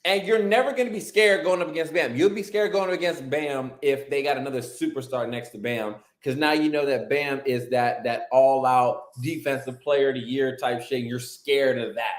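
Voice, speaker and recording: Animated, profane man in an echoey room. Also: medium pitch, moderate pace, hardly any pauses. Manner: animated, profane, joking rants. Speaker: guest. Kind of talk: casual sports podcast chat. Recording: roomy echoey sound.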